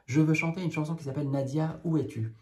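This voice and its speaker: A man's voice: fairly high pitch, fast, a little mellow, voice pushed up, natural voice. A man reading aloud and voicing a brave young boy with a guitar, in a plain, earnest delivery.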